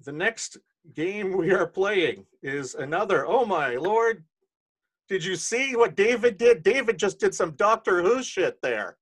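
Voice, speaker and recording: A man's voice: high-pitched, animated, measured pace, fairly bright tone, slightly rough. A man hosting a podcast on a video call, running a party game in joking, profane casual chat. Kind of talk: casual late-night chat.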